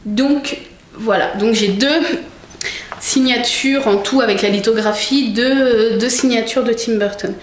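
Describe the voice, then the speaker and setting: A woman's voice: fairly high pitch, measured pace. A young woman chatting casually in a vlog, showing things to the camera with many fillers and restarts. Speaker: vlogger. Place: room at home. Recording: echoey room with faint noise.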